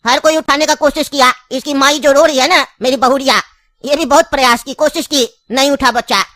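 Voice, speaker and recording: A woman's voice: high-pitched, fairly even intonation, fairly quick, fairly bright tone, dry recording. A woman voicing a scheming, insistent old grandfather in a cartoon, speaking with a tinge in a pleading, long-winded way. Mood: storytelling.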